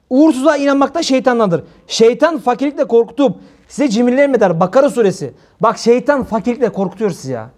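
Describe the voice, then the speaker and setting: A man with a notably high voice gives a sermon from the pulpit. He mixes religious teaching with jokes, playing out little family arguments for his listeners. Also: a little mellow. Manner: humorous storytelling preacher, acts out quarrels. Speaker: preacher. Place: speaking from a pulpit to a gathering.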